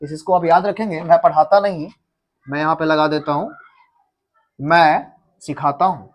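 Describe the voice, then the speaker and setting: Tutor, quizzing style, repeats words, classroom lesson. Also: male voice, on the high side, fairly even intonation, moderate pace. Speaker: English teacher.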